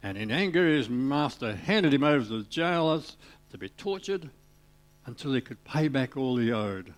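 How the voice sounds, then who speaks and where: A man preaching a sermon, retelling a parable with animated storytelling and little voiced parts for the characters. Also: medium pitch.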